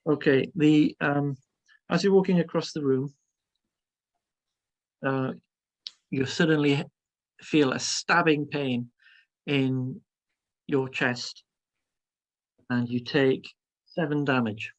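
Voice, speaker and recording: A man's voice: on the high side, steady tone, takes it slowly, long pauses, rough recording. A man running a tabletop role-playing game as game master, narrating it in a hesitant, piecemeal way.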